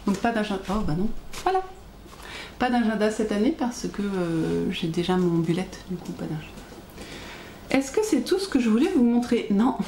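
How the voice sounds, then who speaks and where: A woman's voice: on the low side, darkish tone. Woman, 30s, casual enthusiastic vlogger; roomy sound with faint background noise. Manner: chatty, enthusiastic, with frequent fillers and laughs. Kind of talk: casual chat. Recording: echoey room with faint ambient noise.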